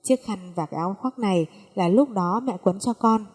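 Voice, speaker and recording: A woman's voice: medium pitch, fairly quick, a little mellow, husky, natural voice. A woman voicing a grieving middle-aged mother who speaks through tears, with long reverb. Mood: tearful. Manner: pleading, sobbing speech.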